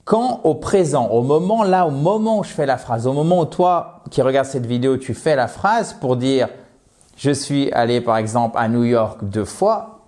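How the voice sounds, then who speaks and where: A man explaining English grammar to viewers in a lively, direct way, joking about his own slips. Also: medium pitch, moderate pace. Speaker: English teacher.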